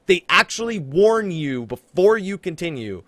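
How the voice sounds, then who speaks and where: In a high, somewhat bright, sing-song voice, a man hosts a casual gaming podcast at an unhurried pace, with no room sound. He's emphatic, building hype and talking directly to the people listening.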